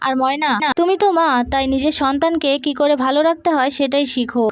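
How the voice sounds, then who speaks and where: A woman's voice: sits high, steady tone, brisk, no room sound, lo-fi sound, natural voice. A woman voicing a stern, scheming older mother-in-law who lectures and gives orders. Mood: lecturing.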